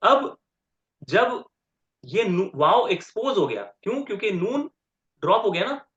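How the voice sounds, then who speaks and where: Slow, repeating grammar teacher in a roomy lo-fi recording. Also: male voice, high voice, big pitch swings, a bit bright. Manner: explains step by step, often asks "ठीक है?"; repeats word forms slowly and deliberately. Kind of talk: online grammar lecture. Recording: roomy, dull lo-fi sound.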